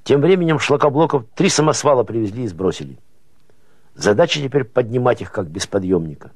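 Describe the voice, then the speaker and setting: A man narrating prose as an audiobook, with expressive folksy storytelling rhythm. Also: medium pitch, fairly quick, husky, dry recording.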